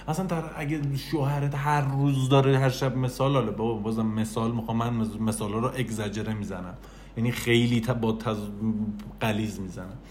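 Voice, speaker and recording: A man giving an animated motivational talk, speaking straight to the listener and repeating phrases for emphasis. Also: medium pitch, slight background noise. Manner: animated, repetitive, addresses listener directly. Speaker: self-help speaker.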